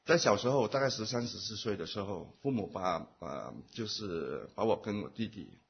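Husky guy, church testimony in short bits, dull muffled sound. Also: lowish voice, animated. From Taiwan. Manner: speaks in short phrases, pausing for an interpreter. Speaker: church member giving testimony. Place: church meeting. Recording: muffled lo-fi recording.

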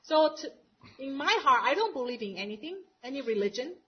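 A woman interpreting a church testimony live into English, quick and often correcting herself. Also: high-pitched, very animated. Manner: quick, with frequent self-corrections. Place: church meeting. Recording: muffled lo-fi recording.

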